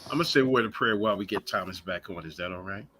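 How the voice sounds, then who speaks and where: A man's voice: on the low side, very fast, bright, forceful tone, husky. A man in his sixties, a panel guest, jovial and laughing in chat and solemn when he leads a prayer. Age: 60s.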